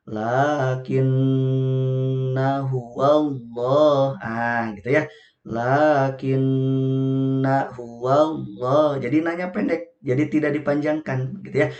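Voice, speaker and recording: Male tajweed teacher, patient and repetitive, slow chanted examples, roomy echo. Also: mid-range voice, darkish tone, lo-fi sound. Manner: patient, repeats "gitu ya" often; slowly chants Arabic examples. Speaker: Quran recitation teacher. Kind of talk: online tajweed lesson. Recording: echoey room.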